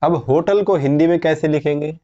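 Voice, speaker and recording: Guy teaching grammar real slow, patient, keeps asking questions, mellow voice, kinda muffled lo-fi audio. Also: a little high. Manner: slow, patient explaining with frequent questions to students. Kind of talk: grammar lesson.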